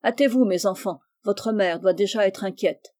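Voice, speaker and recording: A woman voicing a kindly uncle who is a doctor, speaking calmly and with gentle authority. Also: mid-range voice, moderate pace, close to an everyday voice.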